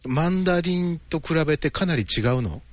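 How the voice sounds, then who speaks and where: Lively, curious-sounding man asking questions. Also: on the high side, moderate pace, no echo. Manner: curious, eager follow-up questions. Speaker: interviewer. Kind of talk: casual conversational interview.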